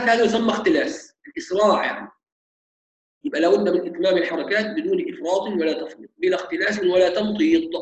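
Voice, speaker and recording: Guy teaching tajweed, high voice, slow repeated example sounds, echoey room. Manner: demonstrates sounds slowly and repeats them. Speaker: Quran recitation teacher. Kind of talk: tajweed lesson.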